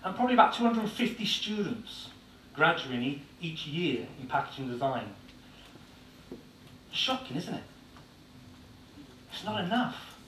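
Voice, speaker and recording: A man born in Ireland who speaks with an English accent gives a blunt, informal conference presentation full of filler words. His voice is fairly high and bright with a sing-song lilt, at a moderate pace with frequent pauses. The recording comes from an echoey conference hall through a distant mic, with faint noise.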